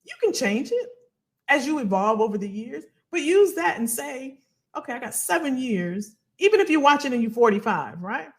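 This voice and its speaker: A woman hosting a casual livestream as a financial coach, animated and colloquial, repeating phrases for emphasis. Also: high voice, moderate pace. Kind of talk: casual livestream talk to viewers.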